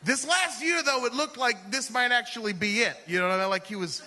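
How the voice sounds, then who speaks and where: An American stand-up comedian tells a funny personal story on a theater stage at a live radio show, chatting conversationally and sprinkling in plenty of "like" and "you know." His voice is very high-pitched, sharp in tone and a little fast. The live stage sits in a reverberant hall, with slight background noise.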